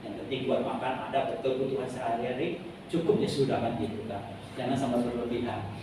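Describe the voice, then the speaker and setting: A man's voice: mid-range voice, steady tone, fairly quick. A middle-aged man, a pastor, giving an informal, rambling sermon and leading the congregation in reading aloud. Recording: very echoey hall, distant mic, noisy.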